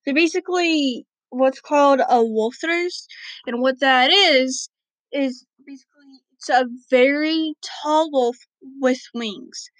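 A woman's voice: high voice, takes it slowly, no room sound, rough recording. A woman casually narrating a homemade story, hesitant and filled with ums.

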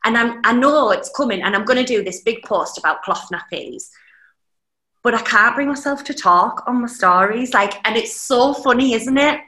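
A woman's voice: a little high, animated, normal speed, bright, forceful tone. A young woman with a Teesside accent chatting casually and candidly as a podcast guest, with some mild swearing. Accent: Teesside, North East England. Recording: echoey room.

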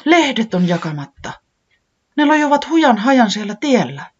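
A high, wailing little bunny boy, read aloud by a storyteller, swooping up in a lively way and always close to tears. The sound is dull and lo-fi, like an old storybook tape. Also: husky. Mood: flustered. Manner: wailing, easily weeping. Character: tearful excitable young male bunny.

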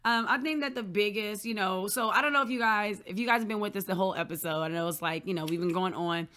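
Bright-voiced frank woman in her thirties. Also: mid-range voice, quick pace. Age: early 30s. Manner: frank, advice-giving, acts out quotes. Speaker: podcast co-host. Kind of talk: casual podcast chat.

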